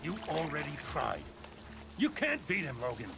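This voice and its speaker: An actor playing a cold, scheming male military officer in a video game cutscene, calm and persuasive. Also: fairly high pitch, normal speed, gravelly, over music, exaggerated voice.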